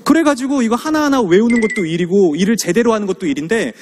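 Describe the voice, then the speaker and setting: A man's voice: sits high, fast talker, a little hiss or hum. A man in his thirties from Suwon giving a motivational lecture, telling stories, acting out scenes and asking the audience questions. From Suwon, South Korea. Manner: animated, asks the audience questions, acts out scenes. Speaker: guest lecturer.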